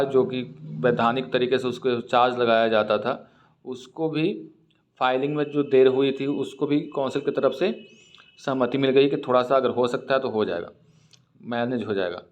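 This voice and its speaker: A man with an Indian accent, speaking as a teacher at a mid pitch. He reads English sentences out slowly and deliberately, then explains the words in conversational Hindi. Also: fairly even intonation.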